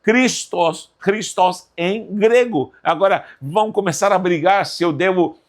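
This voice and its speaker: A man's voice: sits high, a little slow. A man from Brazil teaching a Bible lesson informally, emphatic and direct, often calling the viewer "dear". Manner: animated, emphatic, addresses viewer as "querido".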